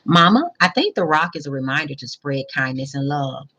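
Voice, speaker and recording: Lady reading the part of an eager sweet schoolgirl in a storybook, earnest, bouncy pitch, bit husky. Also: very animated, fairly quick, pushed and bright, exaggerated voice. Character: eager, kind-hearted schoolgirl in a picture book.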